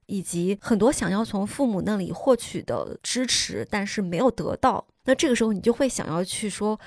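A woman speaks in a measured, thoughtful way over a close, dry mic. She co-hosts a casual conversation and often murmurs agreement while the other person talks. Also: mid-range voice, darkish tone, no echo. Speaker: podcast co-host. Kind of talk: casual chat.

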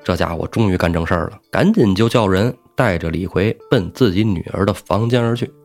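Man, storyteller host, low-pitched, lively colloquial narration, faint background music. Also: a little fast.

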